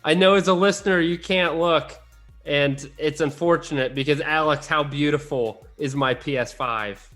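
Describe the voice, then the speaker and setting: Young man, podcast co-host, jokey, teasing, excitable, slightly high voice, faint music behind. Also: moderate pace. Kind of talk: casual podcast banter.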